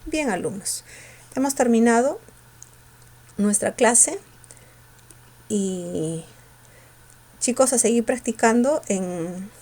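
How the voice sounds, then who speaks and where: A woman teacher going over exam questions, asking her students quick questions and answering them herself. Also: fairly high pitch, expressive, darkish tone. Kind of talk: exam review lesson.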